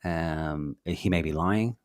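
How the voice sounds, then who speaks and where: Slow and low-voiced, a man co-hosting a podcast drifts through rambling stories in easygoing conversation, full of fillers, restarts and swearing. The studio-quality recording is dry.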